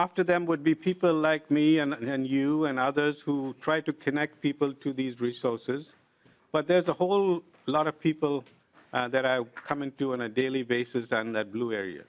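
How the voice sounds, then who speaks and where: A middle-aged man of medium pitch gives formal testimony as an invited presenter in a legislative committee hearing room. Earnest and deliberate, he explains with examples and often pauses with "uh."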